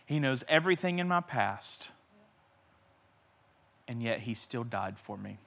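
A man pastor preaching a sermon with passion, swinging between loud cries and hushed near-whispers, repeating key phrases for emphasis. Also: mid-range voice, expressive, measured pace, creaky, slight background noise.

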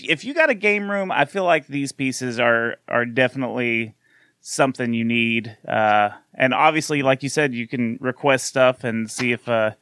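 A man hosting a casual podcast, relaxed and loose, with plenty of fillers as he talks. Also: mid-range voice, smooth, dry recording, clean studio sound. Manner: relaxed, filler-heavy, laughs along. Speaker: podcast host.

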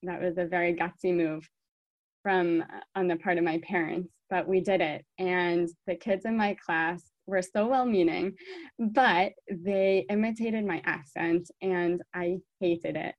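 Born in South Africa and raised in the United States, a woman in her thirties with an American accent hosts a podcast, speaking solo to her listeners and repeating words for emphasis. Her fairly low voice keeps a steady tone at a slightly slow pace. The recording has no echo but sounds muffled.

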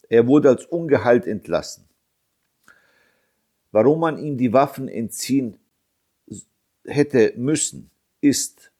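A German man in his fifties, speaking as a bereaved father, gives an impassioned interview in a mid-range, slightly mellow voice. He's indignant and emphatic, repeating his points and firing off rhetorical questions.

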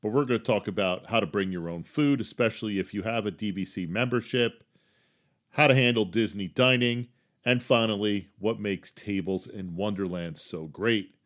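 A middle-aged man with a New Jersey accent hosting a casual solo podcast, chatty and self-deprecating, swinging between loud emphasis and quiet asides. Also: fairly low pitch, normal speed. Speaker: podcast host.

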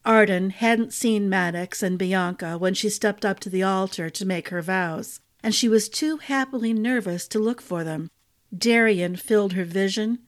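Woman gently narrating a fantasy story. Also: mid-range voice. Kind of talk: audiobook-style fantasy narration.

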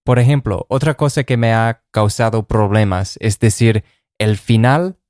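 A man co-hosting a conversational Spanish lesson podcast, calmly offering tips and examples. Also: on the low side, measured pace, no room sound, studio quality. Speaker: co-host of a language podcast.

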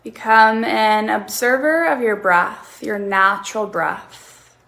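A woman guiding a relaxation meditation, counting breaths slowly and leaving long pauses between short phrases. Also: medium pitch, creaky, bright, forceful tone.

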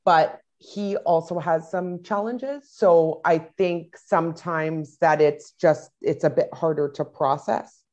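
A woman's voice: low voice, takes it slowly, darkish tone. A woman in her thirties, a parent talking casually in an interview, rambling with many fillers and restarts. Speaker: parent guest. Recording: dull lo-fi sound.

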